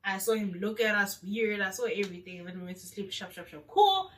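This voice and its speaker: A woman's voice: mid-range voice, steady tone, quick pace, a bit bright, distant mic. A woman with a South African accent telling a casual storytime vlog, chatty and mixing in local slang. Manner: chatty, mixes local slang into her speech. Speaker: vlogger.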